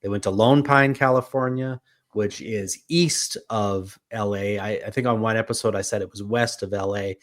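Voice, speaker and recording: A man co-hosting a movie podcast, talking in a loose, rambling way. His voice sits a little low, and he pads his lists of credits and places with plenty of fillers. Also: steady tone, moderate pace. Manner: rambling, lots of fillers, listing film credits. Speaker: podcast host. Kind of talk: casual film podcast chat.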